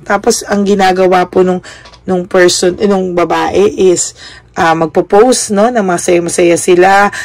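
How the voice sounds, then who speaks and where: A woman with a gravelly, fry-tinged voice doing a tarot reading for her viewers. She speaks politely and keeps adding a questioning tag to each phrase. Her voice is close and dry, with no room echo. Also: on the low side. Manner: polite, adds "po" and a questioning "no?" after almost every phrase. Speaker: tarot card reader.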